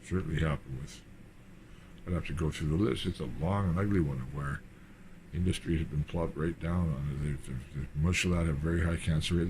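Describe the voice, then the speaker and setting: An older man with a very deep voice, talking in a rambling, digressive vlog monologue full of fillers. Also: slight background noise. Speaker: vlogger. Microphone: cheap mic.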